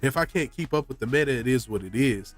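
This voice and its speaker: Male game streamer, congested and sick, slangy and casual, somewhat low voice, music behind him. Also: expressive, fast talker. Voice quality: congested, stuffy nose. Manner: slangy, often says "bro". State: sick with a blocked nose. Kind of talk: casual chat to stream viewers.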